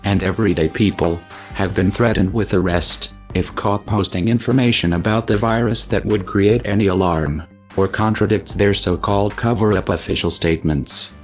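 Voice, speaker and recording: Anonymous male narrator, disguised deep voice-changer sound, very low, grave scripted read, faint music behind.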